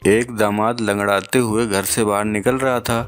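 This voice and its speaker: A man's voice: on the low side, steady tone, normal speed, loud music behind the voice. A man telling short comic jokes, acting out each character's lines with small changes in his voice. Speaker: joke teller. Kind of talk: scripted comic joke narration.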